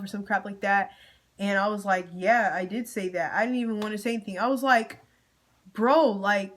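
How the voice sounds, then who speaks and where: In a mid-range voice with a fairly bright tone, a young woman airs her frustrations in a storytime vlog. She speaks casually and directly to her audience, using slang, and becomes emotional, almost crying at times.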